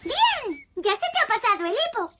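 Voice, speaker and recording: A woman's voice: very high voice, sing-song, moderate pace, over music. A woman voicing a bossy, eager little girl pig in a Castilian Spanish cartoon dub, with an emphatic, instructing manner. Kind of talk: children's cartoon dubbing.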